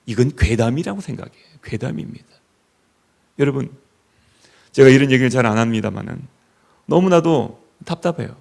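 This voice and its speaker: A male pastor preaching a Sunday sermon, asking the congregation rhetorical questions and swinging between loud emphasis and quiet asides. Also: fairly high pitch, creaky.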